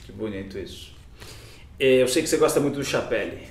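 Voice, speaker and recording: Relaxed male co-host, reactive and quick to laugh. Mid pitch, recorded roomy and distant. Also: vocal fry. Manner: easygoing, reactive, laughs along. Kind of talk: casual chat.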